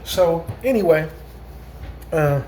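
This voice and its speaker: A man near fifty talks straight to his audience in a loose, meandering vlog monologue. His voice sits unusually high for a man. He stumbles and restarts often, checking in with his listeners again and again, over a faint hiss of background noise. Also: lively intonation, takes it slowly, dark tone. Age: 40s. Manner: rambling, repeats "you know what I'm saying", frequent restarts. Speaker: vlogger. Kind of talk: casual storytelling monologue.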